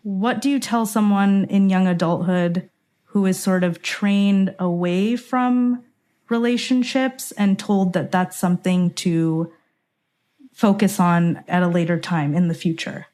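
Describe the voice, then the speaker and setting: A woman's voice: medium pitch, fairly even intonation, measured pace, warm tone. A woman in her twenties, a podcast producer and co-host, asking questions in a friendly, inquisitive way. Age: 20s. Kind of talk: podcast interview.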